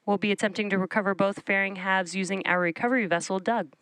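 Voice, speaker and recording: A woman's voice: medium pitch, fairly even intonation, quick pace, fairly bright tone, no echo. A woman hosting live launch commentary, presenting and explaining each step. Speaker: launch webcast host.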